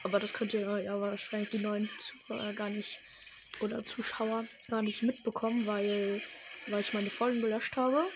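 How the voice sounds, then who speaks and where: A woman giving casual, hesitant, self-deprecating gameplay commentary, recorded in low quality straight into a tablet's built-in microphone. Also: flat delivery, normal speed, background noise. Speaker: gaming streamer. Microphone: built-in tablet microphone, no separate mic. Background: music.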